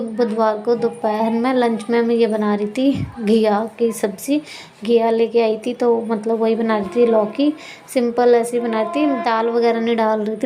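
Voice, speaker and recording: A young mother chatting through a home vlog voice-over in a rambling, self-correcting way. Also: slight background noise. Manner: scolding loudly at high pitch in the clip. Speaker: vlogger and mother.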